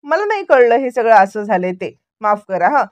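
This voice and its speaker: A woman's voice: on the high side, sing-song, moderate pace, dry recording. A woman reading out the lines of a fussy, meddling aunt from a television serial, who talks in a fretful, apologetic way.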